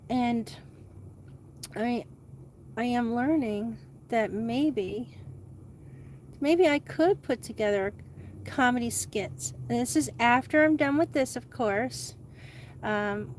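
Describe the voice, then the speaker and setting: A woman host rambling excitedly in a casual monologue, laughing often. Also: a little high, a little hiss or hum. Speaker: channel host.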